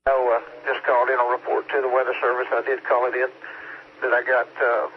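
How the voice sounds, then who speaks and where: A man's voice: mid-range voice, monotone. Man on static-filled ham radio. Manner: casual, halting, many fillers. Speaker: amateur radio storm spotter. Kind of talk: radio net check-in. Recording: muffled radio transmission with static.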